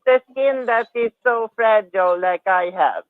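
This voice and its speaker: A woman's voice: on the high side, a little slow. A woman chatting casually in a group, speaking in a hesitant, tentative way. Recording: narrow phone-like line, dry sound.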